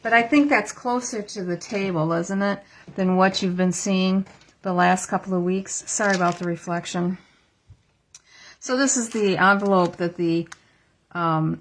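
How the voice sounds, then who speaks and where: A woman giving a casual card-making tutorial at her craft table, chatty and thinking aloud as she works, recorded through an iPad camera. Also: mid-range voice. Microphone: iPad camera on a stand.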